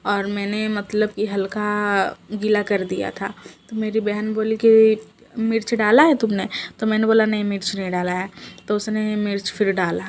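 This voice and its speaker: A woman's voice: mid-range voice, level tone, measured pace, a little hiss or hum, low-quality recording. A young woman telling her day in a chatty vlog voice-over, talking to viewers as friends. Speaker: vlogger. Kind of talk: casual vlog voice-over narration. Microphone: voice-over dubbed at home.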